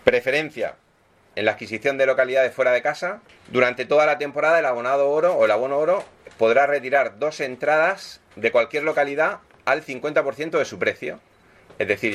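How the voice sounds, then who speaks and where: A man's voice: mid-range voice, a bit bright. A man speaking as a football club executive at a press conference, explaining deals and signings and ending his points with tag questions.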